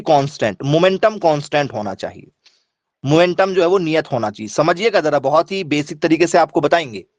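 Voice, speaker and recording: High-voiced male teacher quizzing an online class. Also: dry recording. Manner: repetitive, quizzing students, asks for yes or no replies.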